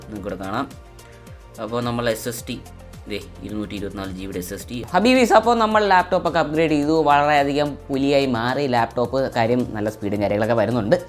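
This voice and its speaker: A man narrating a tech tutorial in a casual, chatty, informal way. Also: mid-range voice. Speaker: tech vlogger. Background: background music.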